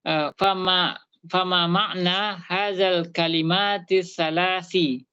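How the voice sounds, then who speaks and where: A woman student reading and translating a text aloud on an online call, slow and halting, with many fillers and self-corrections. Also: on the low side, steady tone, sharp tone, clean tone, highs cut off. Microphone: online video call.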